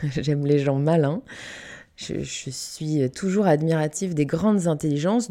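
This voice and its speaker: A Canadian woman hosts her own unedited, reflective podcast, talking candidly and casually with fillers and the odd swear. Her voice is low-pitched with a dark tone.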